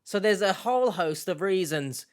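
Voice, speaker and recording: With a high, animated voice at a moderate pace, this young YouTube host answers viewer questions in a casual Q&A. Of Turkish Cypriot heritage and based in the UK, he rambles and jokes, often mocking himself.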